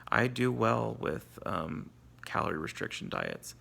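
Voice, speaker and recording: A man's voice: fairly low pitch, wildly swooping pitch, a little slow, gravelly, pushed and bright. A man, groggy and sore after surgery, talking in a casual, candid video diary with salty, self-deprecating asides. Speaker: vlogger.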